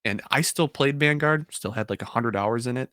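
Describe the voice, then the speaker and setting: A man's voice: mid-range voice, moderate pace, fairly bright tone. A man co-hosting a gaming podcast, talking in an enthusiastic, opinionated casual way. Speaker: podcast co-host. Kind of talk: casual chat.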